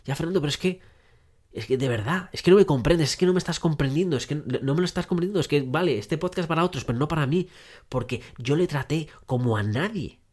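A man's voice: fairly high pitch, quick pace, darkish tone, voice pushed up, natural voice. A man voicing a heartbroken, defensive listener who pleads and stammers over repeated phrases. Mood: pleading.

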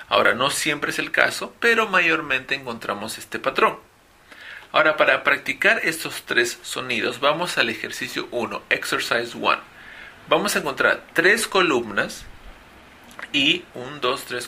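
A man leads a recorded English pronunciation lesson as a virtual teacher. His voice is husky with a sharp, very bright edge. He slows down to model each sound clearly. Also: medium pitch.

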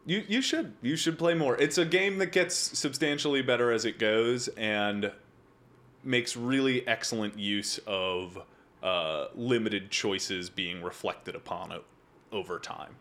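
A man's voice: lowish voice, unhurried, a bit bright. Joking young man hosting a gaming podcast. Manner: joking, rambling, laughs often. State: drinking while recording. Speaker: podcast host. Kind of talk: casual podcast chat.

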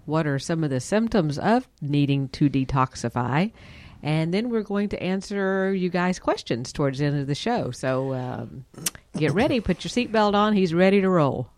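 A woman's voice: deep voice, darkish tone. A woman co-hosting a health podcast, introducing topics and chiming in with teasing quips. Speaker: podcast co-host. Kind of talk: casual health podcast chat.

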